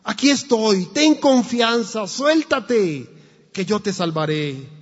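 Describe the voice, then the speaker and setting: Here is a man acting out a desperate father in a sermon story. He calls up high and urgently to his child, his husky voice straining. Long church reverb hangs on each shout, and the sound is a little dull. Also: lively intonation, takes it slowly, heavily acted. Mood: urgent pleading.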